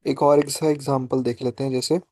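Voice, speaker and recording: A man with a medium-pitched, darkish voice that barely moves in pitch leads a French class on a video call, with no echo around him. Speaking a mix of Hindi and English in this live online session, he explains slowly and patiently and keeps checking in with "ठीक है."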